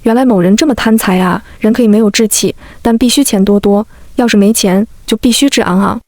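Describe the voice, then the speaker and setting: A woman voicing a gentle, teasing young man who is secretly a fish, speaking softly and playfully. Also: mid-range voice, a little fast, no echo, studio quality, lightly acted. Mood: doting, teasing. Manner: soft, doting and playful.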